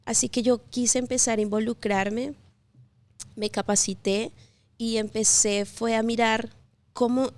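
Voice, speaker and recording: A woman in her thirties from Colombia, telling her life story as an interview guest in a gentle, reflective way with pauses and fillers. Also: a little high, little pitch movement. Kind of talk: personal testimony interview.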